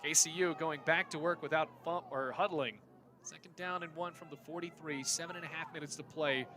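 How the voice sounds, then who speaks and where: A man's voice: on the high side, fairly even intonation, fairly quick, noisy background. A man calling live football play-by-play in clipped, descriptive phrases. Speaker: play-by-play commentator.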